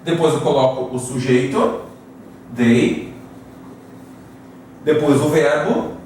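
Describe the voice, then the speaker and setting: A male English teacher with a Brazilian Portuguese accent explains grammar. He says the English example sentences slowly and checks in often with "tá?" and "né?". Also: medium pitch, a little mellow, slight background noise. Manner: frequent "tá?" and "né?" check-ins. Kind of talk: classroom grammar lesson. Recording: very echoey room, voice far from mic.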